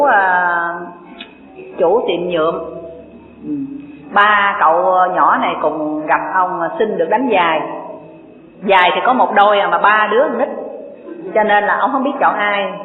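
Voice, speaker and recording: Woman teaching dharma, echoey tinny hall. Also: medium pitch. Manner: folksy, conversational, asks the audience questions. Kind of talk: sermon with storytelling.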